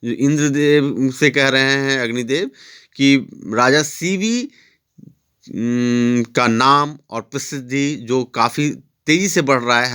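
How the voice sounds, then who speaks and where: A man teaching a story lesson, explaining each line step by step with drawn-out fillers. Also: medium pitch, pushed and bright, smooth.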